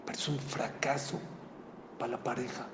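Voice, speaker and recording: A man's voice: mid-range voice, moderate pace. A man preaching a sermon, telling a story and asking the audience questions. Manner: animated, conversational, asks the audience. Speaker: rabbi preacher. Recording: echoey hall, faint noise.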